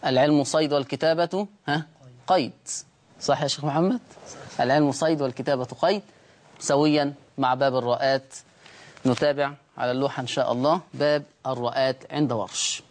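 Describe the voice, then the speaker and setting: A man with an Egyptian accent hosting a televised Quran recitation lesson. He speaks slowly and deliberately, drawing out example words and asking his students rhetorical questions. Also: mid-range voice, steady tone. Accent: Egyptian Arabic. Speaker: Quran recitation teacher and show host.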